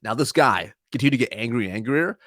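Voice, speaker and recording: A man's voice: medium pitch, animated, fast, a bit bright, no room sound, studio quality. A man in his thirties, a sales coach and podcast guest, telling a story animatedly, often laughing and acting out what people said.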